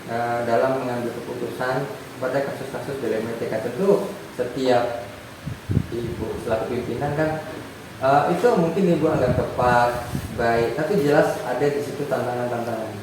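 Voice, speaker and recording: A man's voice: mid-range voice, fairly even intonation, normal speed. Agreeable man interviewing in an echoey room. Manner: agreeable, frequent affirmations, summarizes answers. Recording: echoey room, far from mic, noisy.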